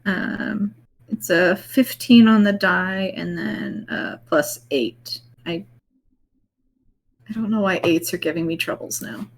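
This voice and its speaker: A woman's voice: lowish voice, slow pace. A woman chatting casually as a player in a tabletop game.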